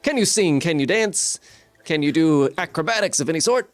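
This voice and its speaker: A gushing, pushy carnival barker, put on by a man, all high excitement and swooping enthusiasm. He fires off one eager question after another. The sound is dry and close. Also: normal speed, no echo, close to an everyday voice. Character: overeager male carnival barker, soulless tour guide.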